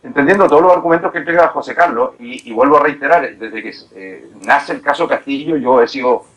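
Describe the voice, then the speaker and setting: A man, a veteran journalist on a football panel, giving his point of view in a measured, fact-based way. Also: medium pitch, animated, a bit bright, low-quality recording. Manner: measured, asks to speak, argues from facts. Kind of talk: heated football debate.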